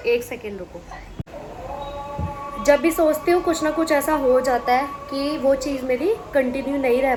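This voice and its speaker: A woman's voice: sits high, poor audio. A woman with a cold chatting casually to her viewers in a family vlog, rambling from one thing to the next. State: sick with a cold and fever. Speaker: vlogger.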